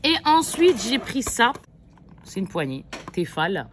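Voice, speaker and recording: Slow and sing-song, this mom vlogger's medium-pitched, fairly bright voice carries a little hiss or hum. Addressing viewers directly, the mother of several children rambles through her shopping haul, full of fillers and correcting herself.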